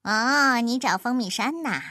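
A woman voicing a greedy crow in a storybook, loud and offhand. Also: a little high, a little slow, no room sound, clean studio sound. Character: greedy crow resting on a rock.

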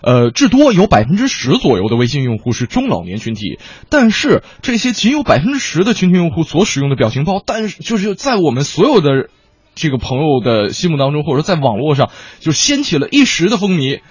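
Fast, lively male host on muffled AM radio. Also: on the high side, husky, dry recording. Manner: quick, animated, playful banter. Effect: AM radio broadcast sound. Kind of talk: lively radio variety chat.

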